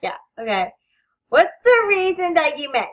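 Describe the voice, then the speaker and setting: A woman's voice: sits high, sing-song, normal speed. A teenage girl hosting a casual best friend tag video, teasing and giggly as she reads the questions. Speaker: channel host.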